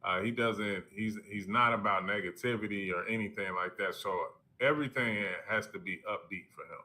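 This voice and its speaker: Deep, bright-voiced man, halting speech. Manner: halting, many fillers and restarts. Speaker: team coach. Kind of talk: casual broadcast interview.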